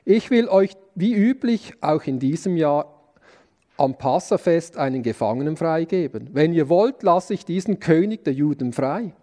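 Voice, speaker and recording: A man reading the lines of a stern Roman governor in a Bible story, in a lower, quiet voice. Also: expressive, moderate pace, lightly acted.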